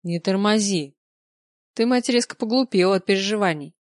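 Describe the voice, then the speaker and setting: A woman's voice: mid-range voice, moderate pace, no room sound, clean studio sound, close to an everyday voice. A woman voicing a lazy, sarcastic male angel who drawls and bosses people around. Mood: impatient. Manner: drawling, mocking, bossy.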